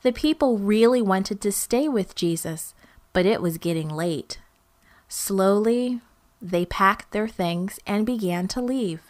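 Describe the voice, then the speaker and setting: A woman's voice: medium pitch, slow pace. A woman telling a children's Bible story, speaking expressively and directly to young listeners.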